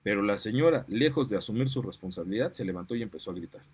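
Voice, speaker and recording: A man's voice: lowish voice, lively intonation, quick pace, a little mellow, husky. A man with a Mexican accent, a parent giving an impassioned, indignant monologue that keeps getting heated. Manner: indignant, gets worked up, apologizes for outbursts. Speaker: parent and commentator.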